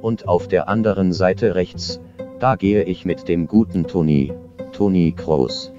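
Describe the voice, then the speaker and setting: Gaming co-host with a robotic voice changer: teasing and dry, over a muffled recording with music in the background. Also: male voice, low voice, a little slow. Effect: flat robotic voice changer. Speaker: co-host, gamer. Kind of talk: casual gaming commentary.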